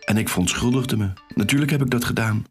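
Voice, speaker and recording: A man's voice: mid-range voice, fast, darkish tone, breathy edge, soft background music, natural voice. An actor playing an anxious, self-conscious young man, narrating an audio drama in the first person with a wry, rueful manner. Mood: ashamed. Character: anxious young man, shy secret dancer. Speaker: narrator and lead character.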